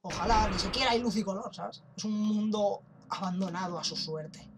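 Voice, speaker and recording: This is let's play commentary from a gaming YouTuber, a young man with a Spain Spanish accent who chats, jokes, and occasionally swears about his gameplay. His voice is high at normal speed, with game music behind it and a little hiss or hum.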